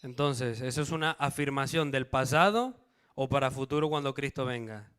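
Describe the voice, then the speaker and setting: Smooth and fairly bright, this mid-range male voice moves at a moderate pace as he preaches a Bible study sermon to his congregation. He reads out verses and asks the people questions, checking in with them.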